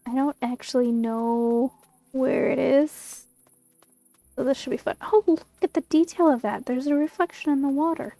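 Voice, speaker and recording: A woman with a high voice comments casually on the game she is playing. Music runs behind her relaxed, chatty playthrough remarks. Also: moderate pace, no room sound. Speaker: video game player and commentator.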